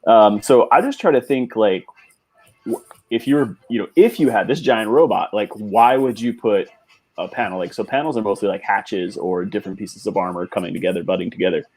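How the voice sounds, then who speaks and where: A man's voice: on the low side, fairly quick, a little mellow. A man co-hosting a casual livestream chat, thinking aloud with heavy filler words. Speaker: co-host on a model-building stream.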